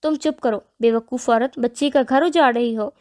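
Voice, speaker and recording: A woman's voice: fairly high pitch, a little mellow, lightly acted. A woman reading the part of a stern middle-aged father in an audio novel, curt and scolding.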